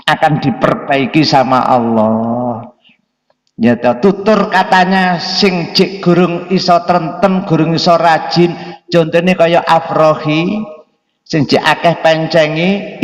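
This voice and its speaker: A man's voice: a little high, slow. A man preaching a sermon, often asking the audience whether they understand. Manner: mixes in local phrases, asks the audience if they understand. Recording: echoey hall from a distance.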